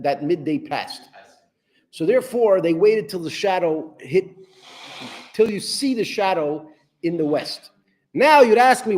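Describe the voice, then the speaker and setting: Rambling male rabbi lecturer. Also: high-pitched. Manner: repetitive, rambling, asks rhetorical questions. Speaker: rabbi teaching Talmud. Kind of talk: explanatory lecture.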